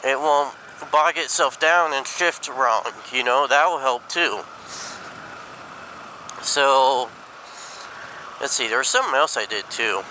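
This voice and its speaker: A man talking casually and haltingly inside a helmet while riding a motorcycle, thinking aloud like a vlogger. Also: medium pitch, bright, forceful tone, rough recording. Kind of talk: casual rambling motovlog talk. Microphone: mic inside helmet. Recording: helmet mic, clear road and engine noise.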